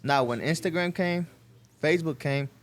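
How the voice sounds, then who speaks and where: A man's voice: fairly high pitch, normal speed. A man in his late twenties from Mexico, raised in Texas, a barber talking casually in a group and often saying "you know what I'm saying".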